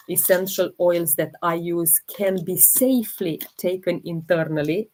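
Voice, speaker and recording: A woman's voice: fairly low pitch, darkish tone. A woman from Romania with a Romanian accent, hosting a holistic health livestream, talking casually and hesitantly while she demonstrates and answers viewer comments. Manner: slow, hesitant, many fillers while demonstrating.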